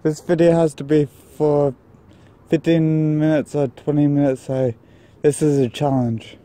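A man's voice: on the high side, little pitch movement, a little slow, mellow. A man filming a ghost-hunting vlog outdoors by a tunnel, talking nervously to his handheld camera with jumpy exclamations. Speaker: vlogger. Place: outdoors near a tunnel and field.

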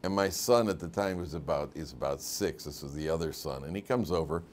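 A man's voice: rumbling low, a little fast, slight background noise. A man, a rabbi giving a weekly Torah class as an informal lecture full of stories, repeating words and laughing at his own tales.

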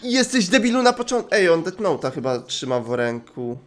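A man's voice: high voice, sing-song, fairly quick. A man giving joking gameplay commentary and making playful asides as he dubs game characters. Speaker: gaming YouTuber.

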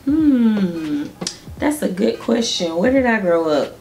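A young beauty vlogger from Georgia with a Southern accent chats casually with viewers while doing her makeup in a small room at home, laughing often and talking to them directly. Her mid-range voice is dark-toned and very animated, and she takes it slowly. There's slight background noise.

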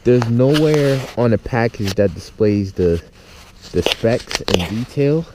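An outdoor gear vlogger talks slowly in a mid-range voice, speaking informally and off the cuff to his viewers. He's outdoors in a yard, moving in and around a tent, with a noisy background behind him.

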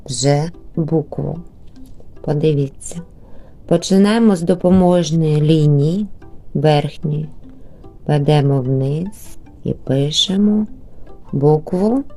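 Slow, patient Ukrainian woman teacher. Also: low-pitched, dark tone. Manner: slow, patient, drawn-out syllables. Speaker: primary school teacher. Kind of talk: remote lesson for young children.

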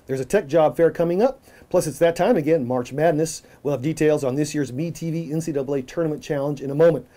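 A man's voice: fairly high pitch, quick pace, warm tone. A middle-aged man hosting a local news show, reading his script in an upbeat way from a small office.

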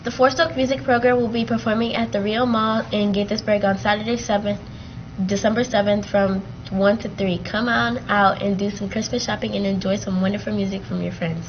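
A woman's voice: medium pitch, fairly even intonation, muffled recording, a little hiss or hum. Teen girl reading school announcements. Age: teens. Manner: reads announcements carefully, slows for codes. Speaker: student news anchor. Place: school TV studio, green screen.

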